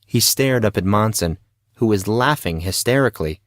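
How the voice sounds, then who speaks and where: In a low register, a man narrates a fiction audio drama with animated, scripted storytelling at normal speed. The recording is dry, with very little room on it and no room sound.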